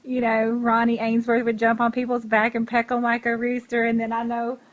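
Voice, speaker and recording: A woman's voice: a little high, completely flat delivery, moderate pace. A woman in her forties, chatting casually as an interviewer. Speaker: interviewer, former student. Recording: slightly dull, lo-fi sound.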